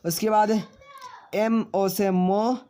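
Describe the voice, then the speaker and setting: A man teaching a spelling lesson, spelling names out slowly letter by letter and answering his own questions as he addresses viewers as friends. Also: sits high, little pitch movement, dark tone, slight background noise.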